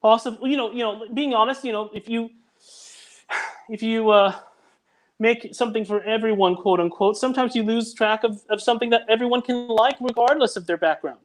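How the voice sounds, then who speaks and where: Here the voice is extremely high and a little fast. He's an audio drama writer chatting casually as a video-call guest, working through his story out loud as he describes it.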